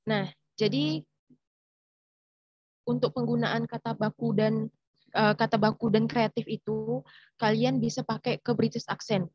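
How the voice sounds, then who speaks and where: A woman's voice: on the high side, steady tone, measured pace, pauses often, husky, no echo, muffled recording. A young woman from Indonesia answering questions in an online writing class, explaining with lots of fillers and restarts. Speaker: writing workshop mentor. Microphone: video call.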